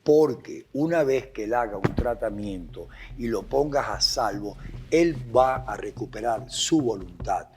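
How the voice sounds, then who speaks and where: A man's voice: lowish voice, lively intonation, measured pace, a little mellow. A man with a Venezuelan accent, a guest addiction expert speaking with passion and repeating phrases for emphasis. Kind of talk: emphatic testimony and explanation.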